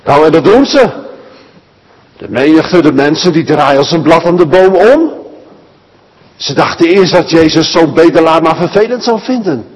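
A man preaching a children's sermon, telling a Bible story in a lively way and speaking directly to the children. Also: fairly high pitch, normal speed, long pauses, in a large hall, low-quality recording.

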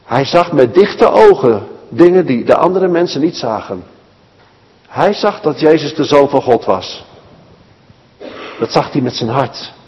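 A man preaching a children's sermon, telling a Bible story in a lively way and speaking directly to the children. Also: medium pitch, measured pace, long pauses, breathy edge, long reverb tail, lo-fi sound.

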